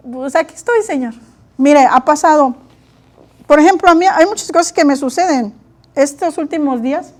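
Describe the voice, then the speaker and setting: A woman preaching a sermon, lively, acting out her own inner voice, her eyes watering from allergies. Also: high-pitched. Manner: animated, acts out her own inner dialogue.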